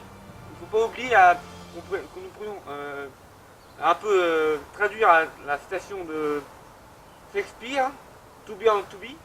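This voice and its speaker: A man's voice: high-pitched, a bit bright, low-quality recording. A young man hosting a casual literature explainer, joking at his own remarks and hesitating often. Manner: jokey, self-mocking asides and many hesitations. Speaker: host. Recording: clear background music under voice.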